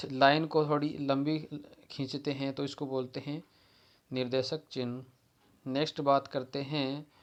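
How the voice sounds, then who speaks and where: A man teaching an exam-prep grammar lesson with a tinge. His voice sits a little high and stays fairly level in pitch. He repeats key terms and often pauses to restart a word.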